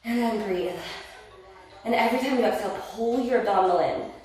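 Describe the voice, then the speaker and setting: A woman's voice: on the high side, fairly quick, a little mellow. A woman Pilates instructor cueing a workout and counting reps, encouraging and a little winded as she exercises along. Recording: roomy echo, distant mic, faint music.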